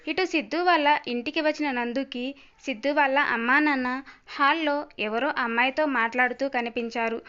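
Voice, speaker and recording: A woman storyteller giving a steady, expressive scripted narration of a family story. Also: sits high. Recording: slightly dull lo-fi audio.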